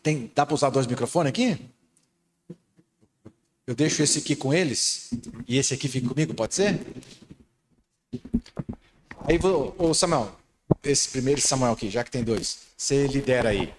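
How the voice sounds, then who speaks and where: A middle-aged man with a Brazilian Portuguese accent, preaching a lively sermon and playing a game with his congregation. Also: mid-range voice, moderate pace, pauses often, noisy background. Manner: playful, laughing, animated. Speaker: pastor.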